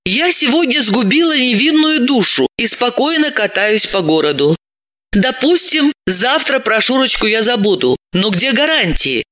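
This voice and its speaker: A man doing an anxious, brisk woman psychoanalyst. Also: extremely high pitch, sing-song, sharp tone, pitched above the performer's own voice, full character voice. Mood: fretful. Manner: nervous and brisk.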